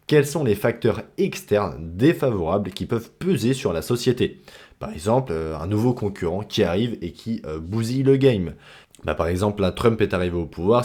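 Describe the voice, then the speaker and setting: Speaking in a low, slightly mellow voice, a man who teaches stock investing chats his way through a lesson on analysing shares. Informal slang and frequent fillers like "bah" and "hein" run throughout.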